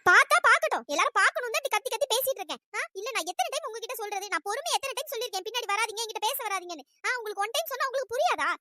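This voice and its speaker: A performer voicing a fiery young female college student in a cartoon, scolding in an exasperated, pitch-raised voice. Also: lively intonation, bright, forceful tone, full character voice. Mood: annoyed scolding. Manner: scolding, exasperated, rapid-fire complaints. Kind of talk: cartoon voice acting.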